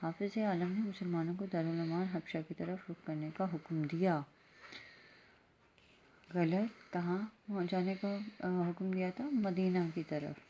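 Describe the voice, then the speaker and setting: A woman schoolteacher with a Pakistani Urdu accent, calmly going through exercise answers and spelling out vowel marks letter by letter. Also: on the low side, a little hiss or hum. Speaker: school teacher. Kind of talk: classroom lesson, answering exercise questions.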